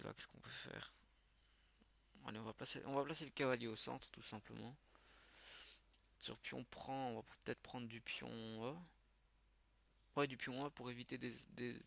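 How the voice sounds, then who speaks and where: A man giving live commentary as he plays, thinking aloud with quick muttered exclamations. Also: medium pitch, vocal fry, bright, forceful tone. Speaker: channel host. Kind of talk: live commentary while playing.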